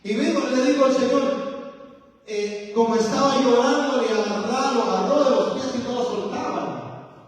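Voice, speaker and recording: A man's voice: very high-pitched, normal speed. A man preaching as pastor, delivering a fervent sermon and tossing rhetorical questions to his congregation. He is recorded in a church. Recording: echoey church hall from far off.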